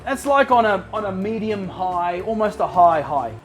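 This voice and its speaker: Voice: medium pitch, big pitch swings, moderate pace, a little hiss or hum. An enthusiastic cooking show host giving a casual demonstration to viewers, often repeating words for emphasis, over a sizzling pan.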